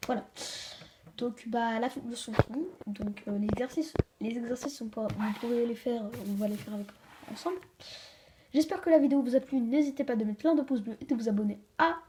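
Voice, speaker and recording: A woman hosting a home-made grammar lesson, hesitant, with many fillers and restarts, slowing down to stress example sentences. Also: on the high side, dark tone. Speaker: channel host teaching a French grammar lesson. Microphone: camera she handles herself.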